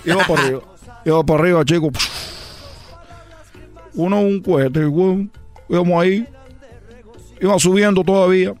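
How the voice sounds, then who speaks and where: A man voicing an excitable, boastful male baseball player, telling rambling tall tales in a comic radio sketch and shouting his catchphrases. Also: normal speed, pauses often, faint music behind, lightly acted. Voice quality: high, squealing delivery. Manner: rambling, shouting catchphrases, laughing at own jokes. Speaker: recurring comedy character on a radio show.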